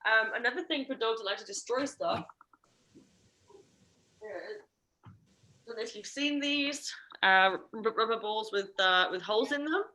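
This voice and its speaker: Lady dog trainer chatting thru a puppy class, bright clear voice, keeps correcting herself. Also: on the high side, unhurried, pauses often. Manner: chatty, self-correcting, playful put-on voices. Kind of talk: online group class.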